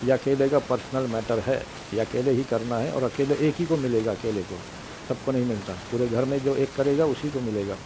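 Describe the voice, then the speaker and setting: Man giving a spiritual discourse over hiss. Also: medium pitch. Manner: explains slowly with repetition, chants sacred names. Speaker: spiritual teacher. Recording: hissy recording. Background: steady hiss.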